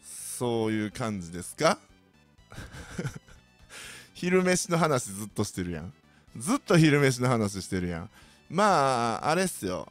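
A man's voice: medium pitch, slow, pauses often, faint music behind. A man with a Kansai accent, hosting a podcast and telling joking stories in a casual way. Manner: animated, joking, mimics others' voices. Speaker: podcast host. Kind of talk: casual solo storytelling.

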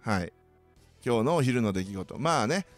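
Kansai man, podcast host, swooping animated delivery, dry close sound, jokey storyteller. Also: medium pitch, moderate pace, no echo, faint music behind. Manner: animated, joking, mimics others' voices. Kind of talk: casual solo storytelling.

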